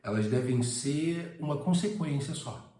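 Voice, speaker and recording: A man's voice: medium pitch, expressive, measured pace, dark tone, echoey room. A man from Brazil with a Rio de Janeiro accent, teaching a casual spoken lesson with frequent hesitations and repeated words. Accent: Rio de Janeiro Portuguese. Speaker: English teacher.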